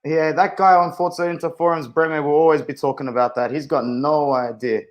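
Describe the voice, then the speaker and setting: A young Australian man hosting a casual live football watch-along, excitable and slangy as he chats with viewers. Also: a little high, fairly quick, dull audio. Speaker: live stream host.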